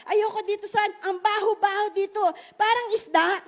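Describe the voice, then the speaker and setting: A woman's voice: extremely high pitch, fairly even intonation, normal speed, voice pushed up. A woman preacher acting out a complaining man trapped inside a fish, pleading and whiny, in a muffled recording. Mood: whining.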